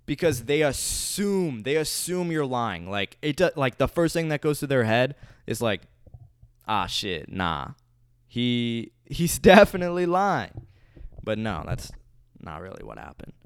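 A young man tells a story in a loose, rambling way, full of filler words and casual swearing. His voice is smooth and clear, in a middle register. The sound is close and dry, with no room echo. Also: medium pitch, moderate pace. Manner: rambling, animated, swears freely, many "like" fillers.

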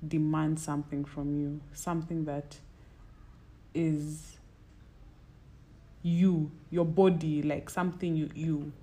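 A woman's voice: low voice, little pitch movement, slow pace, long pauses, mellow. A woman with a Kenyan accent in casual, reflective conversation, searching for her words and sometimes mixing in Swahili. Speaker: podcast co-host or guest.

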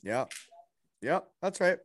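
A man's voice: high-pitched, slow pace, dry recording. A man chatting casually with old friends on a video call, laughing often as he tells stories. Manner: laughing, animated storytelling. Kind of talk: casual chat.

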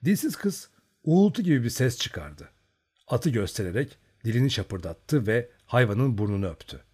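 A male audiobook narrator tells the story with a lively, expressive delivery. His pitch sits in the middle range but moves freely, rising and falling with the telling. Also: moderate pace, husky. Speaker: audiobook reader.

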